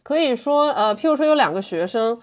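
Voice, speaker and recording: A woman chatting casually as an interview guest, telling anecdotes in an animated way. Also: on the high side, fairly quick. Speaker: podcast guest, language teacher.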